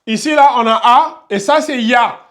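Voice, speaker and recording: High-voiced man teaching in a classroom. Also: a bit bright. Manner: repeats each point and checks understanding; slows down to spell out Arabic pronunciations. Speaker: tajwid teacher. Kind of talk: classroom lesson at a board. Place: classroom with students.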